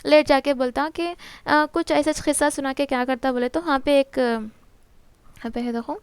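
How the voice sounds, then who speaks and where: A woman's voice: high-pitched, fairly even intonation, no room sound. A woman teacher walks through a textbook lesson, asking and answering her own questions and mixing in English terms. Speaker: exam-prep teacher.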